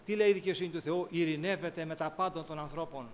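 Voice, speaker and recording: Male preacher with a high voice, sermon delivery, rhetorical questions, shifts between loud emphasis and quiet asides. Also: a little hiss or hum.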